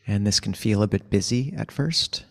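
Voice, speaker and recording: A male meditation teacher leads a guided session, giving gentle, unhurried instructions separated by long pauses. His voice is lowish and animated.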